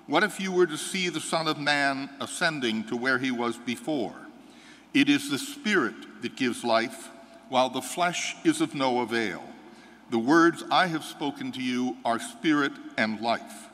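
Older man, American priest, earnest homily, mid-pitched voice, reverberant church. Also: sharp tone. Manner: earnest, measured, building to firm conviction. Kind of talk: reading the gospel and preaching a homily. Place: large church sanctuary, seated before an altar. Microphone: fixed microphone at the altar.

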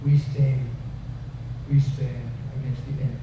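The older pastor's medium-pitched voice barely moves in pitch and stays unhurried as he preaches conversationally, repeating lines for emphasis, then prays. He wears a headset mic at the pulpit on an indoor wood-paneled stage, and the audio comes through distant, dull, noisy and full of echo.

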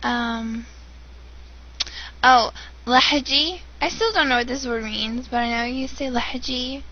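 An unhurried, high-pitched young American woman rambles in a casual webcam vlog, bored and giggly, dropping many ums. She records indoors in a dim room on the webcam's built-in mic, so the audio is dull and lo-fi with faint hiss.

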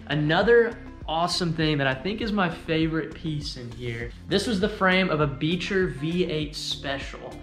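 A man's voice: on the high side, a bit bright. A young man narrating a casual travel vlog tour with upbeat enthusiasm. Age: young adult. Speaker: travel vlogger. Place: indoor hangar and outdoor field. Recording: roomy echo with faint music.

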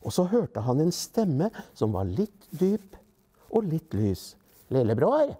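A male actor reading a children's book aloud in a gentle, measured way. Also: on the high side.

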